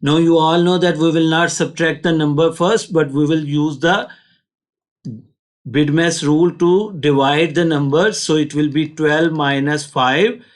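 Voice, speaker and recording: A male teacher with a Pakistani accent and a slightly high voice. He explains step by step in a patient, instructional way, as in a school maths lesson. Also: fairly even intonation, measured pace.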